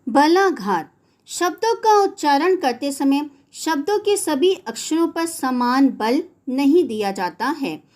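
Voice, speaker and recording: A woman's voice: high-pitched, big pitch swings, slow pace, darkish tone. A woman teacher giving a grammar lesson, spelling out sounds one at a time with careful pronunciation.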